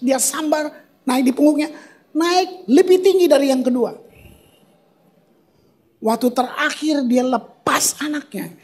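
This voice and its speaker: Animated man preaching a playful sermon. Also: very high voice. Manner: animated, playful, rhetorical questions, colloquial slang; acts out sounds and cries for emphasis. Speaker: pastor. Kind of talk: lively evening prayer sermon. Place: church service.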